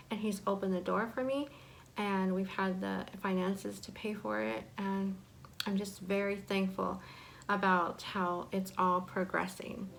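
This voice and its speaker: A woman's voice: mid-range voice, vocal fry, fairly bright tone, slight background noise, poor audio. A woman in her forties chatting casually and candidly as a vlogger, her speech slightly impeded by braces and bite blocks. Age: 40s. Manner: candid, personal sharing. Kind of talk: casual chat to camera.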